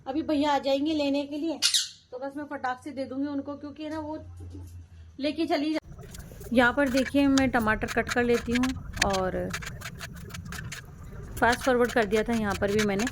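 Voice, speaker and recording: A woman's voice: high-pitched, steady tone, normal speed, pauses often, background noise. A woman, a mother, casually narrating a family vlog and talking straight to viewers while she cooks. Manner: chatty, talks straight to viewers while cooking.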